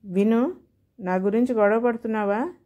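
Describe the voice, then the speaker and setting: A woman doing a frail gentle old man. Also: fairly high pitch, moderate pace, highs cut off, natural voice. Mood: weary. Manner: weak, soft and tired.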